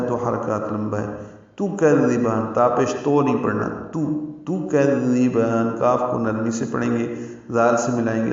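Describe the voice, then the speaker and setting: Man, recitation teacher, demonstrates syllables slowly, very echoey room, distant mic, dull sound. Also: mid-range voice. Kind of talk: tajweed lesson, explaining pronunciation rules.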